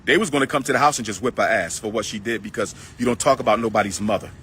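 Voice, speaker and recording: Racing along at a fairly low pitch against a noisy background, a middle-aged man hosts a livestream, ranting and preaching heatedly to his brothers and sisters in the audience before turning to chat with a caller.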